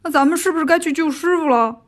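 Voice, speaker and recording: A woman's voice: sits high, fast talker, lightly acted. A woman voicing a dim, greedy male pig-man monk in a children's audio story, talking blunt and whiny. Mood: grumbling.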